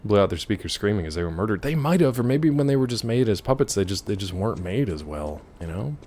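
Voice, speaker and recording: A man's voice: lowish voice, lively intonation, fast talker, darkish tone. A man giving casual, rambling gameplay commentary, joking playfully as he chats with his viewers. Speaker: game streamer.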